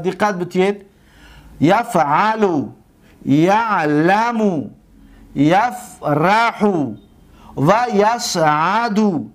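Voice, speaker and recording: High-voiced man teaching grammar. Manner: slow, drawn-out repetition of word forms. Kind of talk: grammar lesson.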